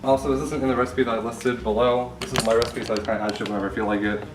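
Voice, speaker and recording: A man's voice: mid-range voice, little pitch movement, rapid-fire, noisy background. A man hosting a casual cooking video in a loose, giggly, tipsy ramble with offhand swearing. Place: indoor kitchen. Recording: echoey kitchen, far from mic, background music. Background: music, clattering pots and pans.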